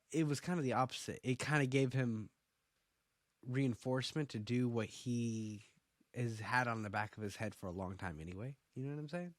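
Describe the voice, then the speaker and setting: A man's voice: medium pitch, dry recording, clean studio sound. Opinionated man in rambling casual chat. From Oklahoma. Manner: rambling, restarts often, opinionated. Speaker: podcast co-host. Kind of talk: casual TV episode review chat.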